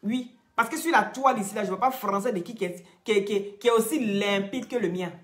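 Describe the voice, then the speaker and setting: A woman's voice: medium pitch, brisk, roomy sound. A woman from Cameroon with a Cameroonian French accent, talking on a live stream in a mocking, scolding way and repeating her points. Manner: mocking, scolding, repeats herself, breaks into laughs. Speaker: social media live streamer.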